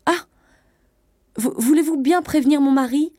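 A woman voicing a distraught young bourgeois wife, pleading and shrill with panic. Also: slow, a little mellow, no echo, studio quality. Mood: panicked.

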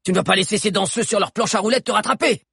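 A man voicing a boisterous cart driver in an audiobook, calling out loudly. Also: sits high, fast, vocal fry, husky, dry recording, studio quality, voice pushed up, full character voice. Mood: encouraging. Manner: shouting, boisterous. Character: bold cart driver, loud and rowdy.

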